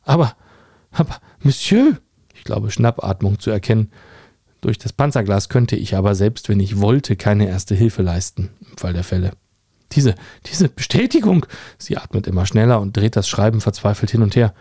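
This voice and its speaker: A man's voice: on the low side, steady tone, fairly quick, warm tone, no echo. A young man from Germany narrating a personal story in a dry, ironic manner. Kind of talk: scripted first-person narration.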